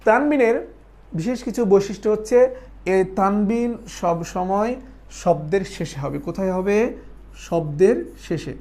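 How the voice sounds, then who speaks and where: A Quran recitation teacher teaches online at a normal speed, the medium-pitched voice a little mellow. The explanations unfold patiently step by step, and the teacher poses questions, answers them, and repeats points as drills.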